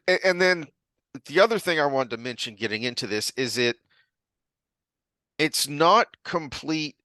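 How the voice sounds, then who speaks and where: A man co-hosting a podcast, talking casually and thoughtfully, pausing often with ums and restarts. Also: mid-range voice, bright, forceful tone, dry recording. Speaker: podcast co-host. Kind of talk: casual chat.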